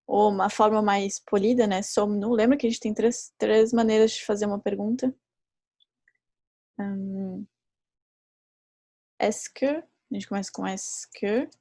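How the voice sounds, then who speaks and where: A woman teacher speaks slowly and patiently in a mellow, warm voice, going over each example again and again. The sound is close and dry, with no room around it. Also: medium pitch, steady tone, dry recording. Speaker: French teacher. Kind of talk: live online class.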